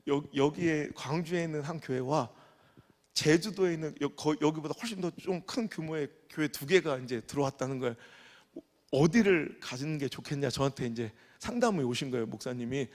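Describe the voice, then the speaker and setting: A middle-aged male pastor preaching a revival sermon, telling lively stories and swinging from quiet asides to loud bursts. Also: a little high. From Korea. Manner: animated storytelling, acts out dialect dialogue, swings from soft to loud. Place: large church sanctuary. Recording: long church hall reverb.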